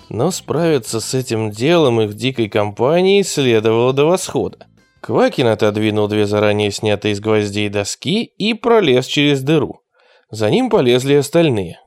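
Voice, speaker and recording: A man with a mid-range voice narrates an audiobook expressively, telling the story with no room sound.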